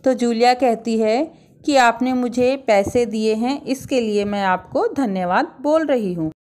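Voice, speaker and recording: A woman's voice: a little high, measured pace, darkish tone. A woman teacher reading a story aloud to her class, acting out the dialogue and then retelling it in simple words. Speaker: school teacher. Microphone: online class recording.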